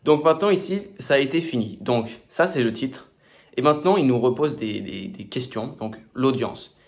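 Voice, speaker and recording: French-speaking man giving a casual software tutorial. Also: mid-range voice, expressive, moderate pace. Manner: casual, with many fillers and restarts. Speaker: tutorial host. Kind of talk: screen-recorded software tutorial.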